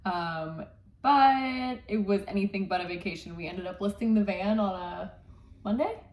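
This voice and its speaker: A woman co-hosting a vlog, telling a story in an animated, chatty way with lots of "like". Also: medium pitch, moderate pace, highs cut off. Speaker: vlog co-host. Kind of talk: casual storytelling. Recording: echoey room, mic at a distance.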